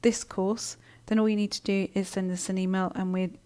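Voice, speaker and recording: A woman's voice: medium pitch, flat delivery, a little fast, clean tone. A woman hosting a live online coaching session, talking casually with lots of ums and restarts as she reads and answers viewer comments. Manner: chatty, warm-hearted, many ums and restarts.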